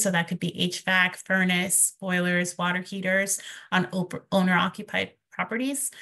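Over a video call, a female presenter from a financial nonprofit explains programs slide by slide in a webinar, with frequent ums. She speaks at a medium pitch with a fairly bright tone.

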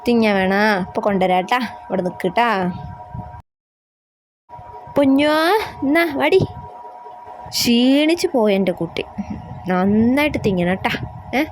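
A woman's voice: on the high side, animated, normal speed, pauses often, natural voice. A woman playing an older grandmother in a homemade family skit. The grandmother coos over one grandson and scolds the others. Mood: coaxing. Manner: coaxing and scolding by turns, sing-song baby talk.

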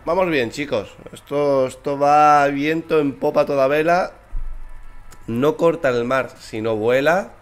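A man's voice: on the high side, a little slow, faint music behind. A tired young man from Spain with a Spanish accent, casually commenting on his card game, chatty, swearing and teasing his opponent. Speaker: streamer. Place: small room indoors.

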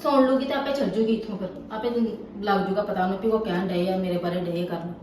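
A woman's voice: medium pitch, fast, recorded from a distance, close to an everyday voice. A woman playing an irritable wife in a family drama, grumbling and scolding about household money. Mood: annoyed. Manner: scolding, sharp-tongued, grumbling. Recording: echoey room, voice off-mic, faint noise.

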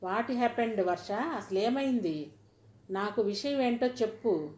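A woman's voice: a little high, animated, takes it slowly. A woman voicing a motherly woman doctor. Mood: concerned. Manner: warm, concerned questioning. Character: kind middle-aged woman doctor, motherly. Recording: roomy echoey recording.

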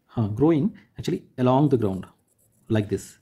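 A man's voice: mid-range voice, lively intonation, moderate pace, mellow, husky. A man, teaching a school textbook lesson to children, repeating each point and rephrasing it patiently. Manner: points and demonstrates with "like this".

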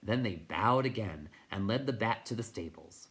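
Man reading a storybook aloud, lively. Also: lowish voice, moderate pace. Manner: expressive storybook narration.

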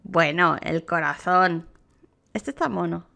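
A woman with a Spain Spanish accent, a gaming youtuber giving casual, excitable reaction commentary. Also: fairly low pitch, slow, gravelly. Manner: excitable, gushing exclamations.

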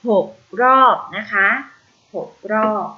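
A woman with a Thai accent teaching a children's Chinese lesson for video, patiently repeating words slowly for pupils to copy. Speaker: primary school Chinese teacher. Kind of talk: recorded online lesson. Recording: slightly dull lo-fi recording.

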